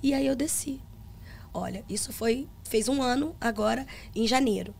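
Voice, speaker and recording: Gravelly middle-aged woman telling a testimony. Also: a little high, moderate pace, a little mellow, a little hiss or hum. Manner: earnest storytelling, acts out dialogue. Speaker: gospel singer and pastor. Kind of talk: podcast testimony.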